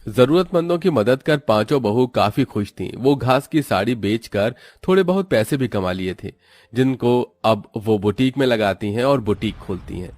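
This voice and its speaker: A man narrating a cartoon story in a steady, explanatory storytelling manner. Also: medium pitch, moderate pace, no room sound.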